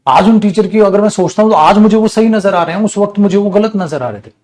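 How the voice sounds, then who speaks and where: A man's voice: sits high, fast, a little mellow. A middle-aged male teacher in his own studio, scolding and lecturing students earnestly while teaching an online grammar class.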